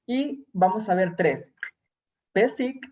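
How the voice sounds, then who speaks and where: A man's voice: high voice, expressive, takes it slowly. A man teaching a recorded Hebrew grammar class, explaining terms patiently and reassuring his students.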